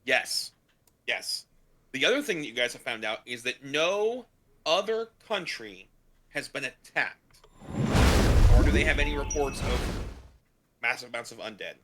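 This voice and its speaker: A man's voice: medium pitch, expressive, a little slow, pauses often, noisy background. A man acting as game master on a streamed tabletop game, talking casually with lots of fillers. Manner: casual, filler-heavy, thinking aloud.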